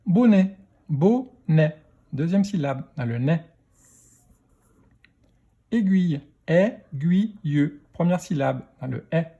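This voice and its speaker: Slow, patient man spelling out words. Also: fairly high pitch, animated, creaky, warm tone, husky, highs cut off. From France. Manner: slow, spelling out sounds letter by letter. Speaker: teacher. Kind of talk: reading lesson for young children.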